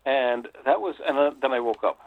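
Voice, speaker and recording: An older American man tells his story in a reflective, unhurried way, often pausing on an "uh". His voice sits at an ordinary pitch and comes through thin and tinny, as if on a phone call. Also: no echo. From United States. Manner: reflective, with frequent "uh" hesitations. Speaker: author and guest. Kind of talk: storytelling interview.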